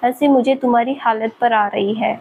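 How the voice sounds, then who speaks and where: Woman voicing a young male professor, teasing, mischievous, light higher voice, storybook reading. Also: steady tone, normal speed, phone-quality sound, slight background noise, natural voice. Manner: teasing, laughing at her.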